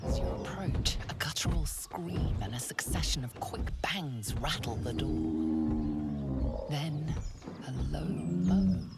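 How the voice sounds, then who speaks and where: An actress narrating a fantasy video game in a measured, suspenseful storybook style, with a wry touch. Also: female voice, rumbling low, very animated, gravelly, over loud music, exaggerated voice. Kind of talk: scripted narration.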